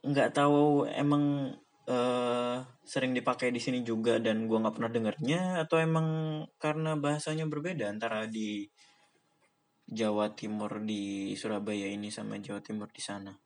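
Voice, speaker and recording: A man's voice: mid-range voice, fairly even intonation, moderate pace. A young man from Indonesia talking casually on his own, rambling in slang with frequent laughs. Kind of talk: casual monologue.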